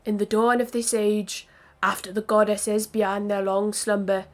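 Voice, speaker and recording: A woman's voice: mid-range voice, little pitch movement, normal speed. A woman streaming a game, reading its story dialogue aloud earnestly, with joking asides.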